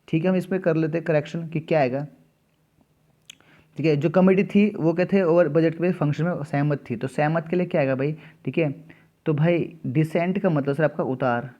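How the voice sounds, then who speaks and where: A man with a slightly high-set voice coaches students through English exam questions, mixing Hindi and English as he goes. He keeps a steady, chatty teaching rhythm, tacking "theek hai" and "bhai" onto almost every point. When he reads out the English test sentences, he slows right down and takes them word by word. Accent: Uttarakhand Hindi. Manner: repeats "ठीक है" and "भाई" constantly, addresses students directly.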